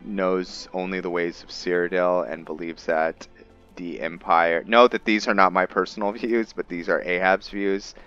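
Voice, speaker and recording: A man with a low, steady voice that's clean and a bit bright hosts a roleplay game session at a moderate pace, commentating casually in a musing, hesitant way. A dull, narrow-band mic carries his voice over faint game music.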